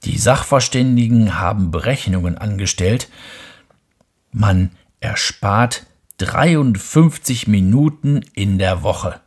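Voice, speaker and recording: A man voicing a brisk, businesslike adult pill salesman in a hushed bedtime reading. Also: fairly low pitch, breathy edge.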